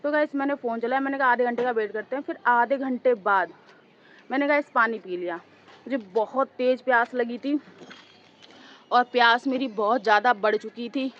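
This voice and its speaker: A woman vlogger with a hoarse, sore throat, chatting casually and rambling to her viewers as she records outdoors on a two-storey house with a handheld phone. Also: on the high side, moderate pace, a bit bright, dull audio. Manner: rambling, talks straight to viewers as "guys".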